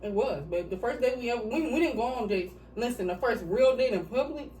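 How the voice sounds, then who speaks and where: Recorded from a distance in an echoey room with faint hiss, a woman vlogger answers couple questions during a mukbang, eating and swearing freely in blunt, casual talk. Her voice is on the high side, mellow, expressive, and a little fast.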